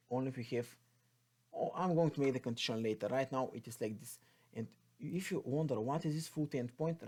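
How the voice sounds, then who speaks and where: With a mellow, medium-pitched voice and a Bulgarian accent, a programming tutorial instructor works through code step by step without a script. He thinks aloud while typing and spells out the code as he goes.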